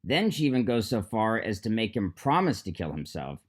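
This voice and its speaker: A man's voice: fairly low pitch, very animated, moderate pace. A man reading text messages aloud as a video host, adding sarcastic asides between them.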